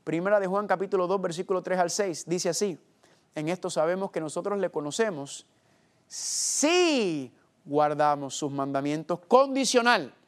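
A man's voice: sits high, animated, normal speed. A man preaching a sermon, asking the congregation rhetorical questions and quoting scripture. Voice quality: quotes scripture. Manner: addresses listeners as family.

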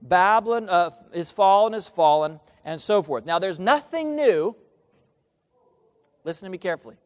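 An expressive man with a voice that sits high preaches at a moderate pace. During this call-and-response sermon he reads scripture and questions the congregation, who answer back, in a hall with long reverb.

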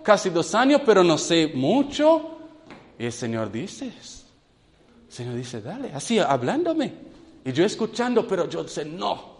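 High-voiced man preaching in a reverberant hall. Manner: questions the audience, halting non-native Spanish. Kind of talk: sermon testimony to youth.

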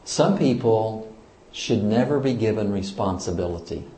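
A church leader delivers a sermon in a fairly low voice at a normal pace, his words ringing through a roomy space over a faint hiss or hum. He is lively and emphatic, putting questions to his listeners and driving his points home.

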